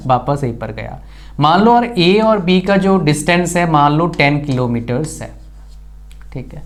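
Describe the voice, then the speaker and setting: A male teacher gives an online exam-prep physics lesson. He keeps asking rhetorical questions and then answers them himself. He drops terms into his talk. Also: a little high. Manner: mixes English terms into Hindi.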